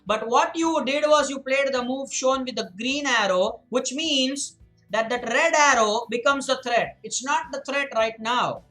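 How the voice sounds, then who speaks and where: A man's voice: very high-pitched, unhurried, sharp tone, faint music behind, low-quality recording. A male chess coach giving a live-stream lesson, explaining moves, correcting students by name, repeating his points and answering the chat. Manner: repeats points to drill them in; reads the chat aloud and answers it.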